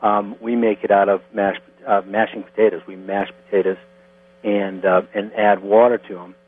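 A middle-aged man from Connecticut, a distiller being interviewed, explaining things step by step in a plain, unhurried way. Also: lowish voice, level tone. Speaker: guest, distiller. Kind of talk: phone interview. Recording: tinny phone line with mains hum.

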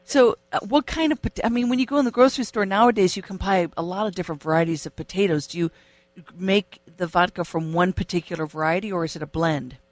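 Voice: medium pitch, fast talker, no room sound. An interviewer asking curious follow-up questions. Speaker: radio interviewer.

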